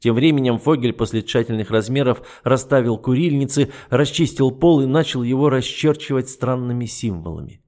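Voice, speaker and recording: A man reading first-person fantasy narration in a measured, even storytelling manner. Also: medium pitch. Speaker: audiobook narrator.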